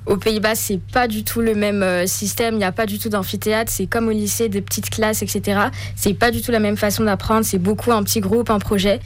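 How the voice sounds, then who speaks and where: A woman's voice: medium pitch, flat delivery, a little fast, few pauses. A young woman from Gabon answering radio interview questions, hesitant with many fillers. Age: young adult. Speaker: student interviewee.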